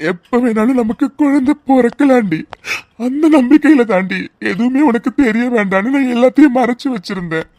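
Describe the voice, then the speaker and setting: Voicing a devoted young husband in a cartoon drama, a woman pleads tenderly and tearfully in a fairly high, mellow voice that sounds close to how she'd normally talk. It's recorded up close with no room sound whatsoever.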